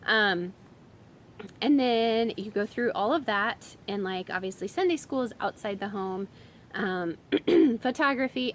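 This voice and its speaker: A homeschooling mom in her thirties chats casually on her vlog while fighting a summer cold that leaves her voice a bit strained. She rambles a little, full of fillers and restarts, in a mid-range voice with a touch of hiss or hum.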